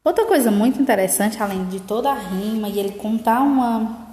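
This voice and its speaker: A woman's voice: a little high, a little fast, warm tone. Woman teacher, echoey room. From Northeast Brazil. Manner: explanatory, with frequent tag questions. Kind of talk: remote school lesson. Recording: echoey room with long reverb.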